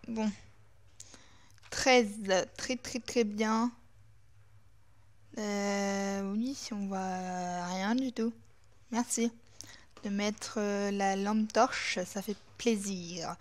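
Slow-talking chatty woman gamer. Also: medium pitch, fairly even intonation. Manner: chatty, rambling, drops to whispers when tense. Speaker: gaming YouTuber. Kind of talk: casual let's-play commentary.

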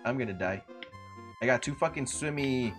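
A young man streams a video game from his home room, visible on webcam, joking around with his chat in a loose, profane way. His medium-pitched voice is a bit bright, with lively intonation at a normal speed, and soft music plays in the background.

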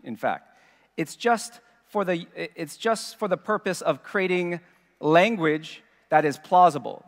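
A man in his forties gives a keynote on a large stage, his voice a little higher than most men's. He explains in an easy, conversational way through a headset mic, and a long reverb trails from the hall. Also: a bit bright. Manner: explanatory, conversational, addresses audience directly. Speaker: keynote speaker. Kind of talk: conference keynote talk.

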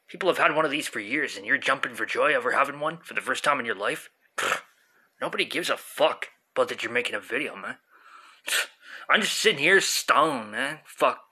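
Husky stoned tough guy, man arguing with himself. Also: medium pitch, animated, normal speed, sharp tone, pitched below the performer's own voice, heavily acted. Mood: weary contempt. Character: stoned, dismissive, sighing, hostile big tough guy. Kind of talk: comic self-argument skit. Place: small room indoors. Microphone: phone at arm's length.

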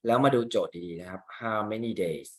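A man's voice: on the low side, moderate pace. Chatty Thai male English teacher. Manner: chatty, asks students rhetorical questions. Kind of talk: explaining a reading exam. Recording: echoey room.

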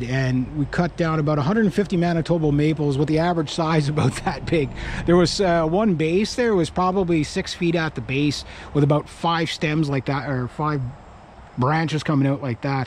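In a casual outdoor vlog, a middle-aged Canadian man with a slightly high voice wanders through his thoughts aloud in a loose, rambling manner. Slight background noise accompanies the action camera audio, taken body-worn or at arm's length in a grassy yard next to a pickup truck.

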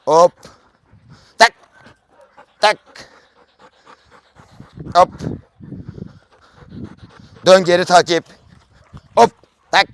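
A man filming a casual farm vlog, barking short sharp commands at a dog and grumbling bluntly between them, outdoors on a farm. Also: high voice, extremely slow, pauses often, smooth. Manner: blunt, grumbling colloquial talk. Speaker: dog trainer and farm vlogger.

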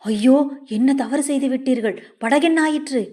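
A woman's voice: sits high, normal speed, natural voice. A woman playing a spirited young boatwoman. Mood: anxious. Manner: sharp and lively, raising her voice. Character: spirited young boatwoman, quick-tempered and playful.

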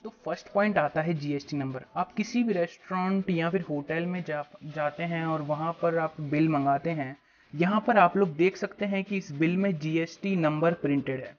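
A man's voice: on the high side, normal speed, muffled recording, a little hiss or hum. A young man from India hosting his own channel, explaining a topic straight to camera in an instructive way, recorded on a clip-on mic in a small room. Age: young adult. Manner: instructive, addresses viewers as friends. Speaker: YouTube channel host. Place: small room before a plain backdrop. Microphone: small clip-on mic on shirt.

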